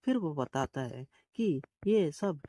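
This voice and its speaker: A man's voice: a little high, lively intonation, slow pace, warm tone, no room sound. A man narrating a manga recap, retelling each scene and reading the figures' lines in a lightly raised voice.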